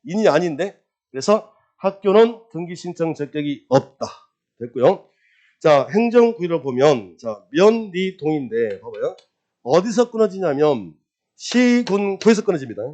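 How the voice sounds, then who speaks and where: A middle-aged man lecturing on property registration law, quizzing his class with rapid questions and answering them himself. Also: fairly high pitch, muffled recording. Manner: lively, quizzing, drills with repeated questions and answers. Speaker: real estate law exam lecturer.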